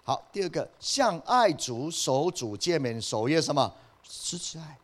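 Here a male pastor preaches at a measured pace, his fairly high voice moving through big pitch swings. He alternates gentle asides with loud, climbing emphasis and answers the very questions he puts to his listeners.

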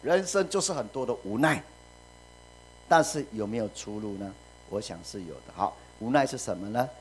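Animated male pastor preaching. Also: on the low side, moderate pace, a little hiss or hum. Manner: animated, mimics voices, laughs, drops to a hush. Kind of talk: sermon.

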